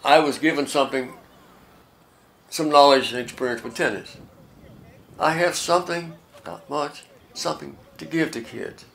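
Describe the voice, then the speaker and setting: Very old American man, reflective and halting. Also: fairly high pitch, vocal fry, a bit bright. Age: late 80s. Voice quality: very old man's voice. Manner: halting, with pauses and repeated words. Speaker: volunteer youth tennis coach. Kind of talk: reflective interview talk.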